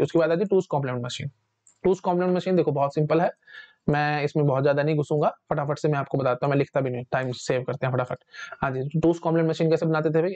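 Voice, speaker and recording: A man teaching a rushed revision lesson, asking questions and answering them himself, with filler like "ठीक है जी". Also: fairly high pitch, a little mellow, dull audio. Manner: quick, repeats "ठीक है जी", asks and answers himself. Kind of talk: fast revision lecture.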